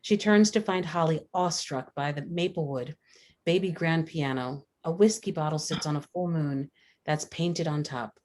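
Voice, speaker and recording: Speaking at a normal rate in a low, gently mellow voice, a woman reads out a screenplay's stage directions. It's table-read narration, delivered matter-of-factly.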